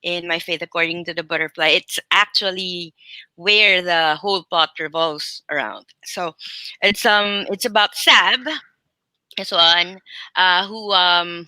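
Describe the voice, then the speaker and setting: A woman author on a panel, talking with many pauses, fillers and restarts over a video call. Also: lowish voice, bright, forceful tone, dry recording, poor audio. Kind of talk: panel discussion.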